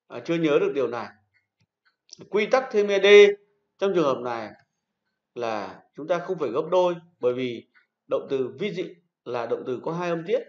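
Male teacher, patient, repeats rules; roomy classroom, muffled lo-fi recording. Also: on the high side. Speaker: English teacher. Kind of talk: classroom lesson. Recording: echoey room, dull lo-fi sound.

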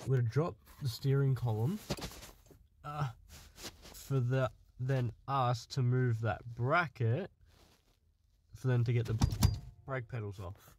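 A man's voice: medium pitch, takes it slowly, pauses often, a little mellow, a little hiss or hum. A man narrating casually while working in a cramped car footwell, muttering and swearing as he goes. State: out of breath. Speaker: car project vlogger. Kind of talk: casual work-along narration.

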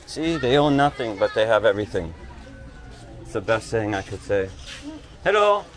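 A middle-aged travel vlogger from Canada, his voice lowish and very animated at a normal speed, strolls a busy village neighborhood chatting with locals in simple, short phrases. The rough outdoor recording, made on an action camera held or worn on his body, carries soft background music along with crowd and street noise.

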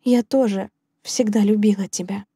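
A woman voicing a shy young governess in love, speaking softly and gently in an audiobook. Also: mid-range voice, steady tone, moderate pace, husky, no echo, studio quality. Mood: tender.

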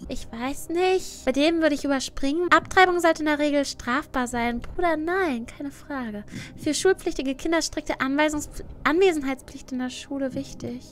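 A woman chatting casually on a livestream with a cute, animated anime-streamer delivery, switching between reading aloud and giving her own take. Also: high voice, normal speed. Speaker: livestreamer, VTuber host. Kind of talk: casual livestream chat, reading out and answering quiz questions.

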